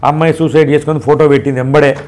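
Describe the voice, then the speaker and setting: Fast-talking insistent man. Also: fairly high pitch, little pitch movement, a little mellow, slight background noise. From Telugu-speaking India. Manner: fast, insistent, repeats points and quotes others. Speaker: interviewee making allegations. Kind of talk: emotional recounting of events.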